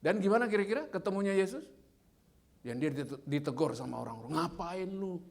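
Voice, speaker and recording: A man in his fifties giving a lively sermon as guest speaker, quizzing the audience with playful questions. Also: fairly high pitch, quick pace, creaky.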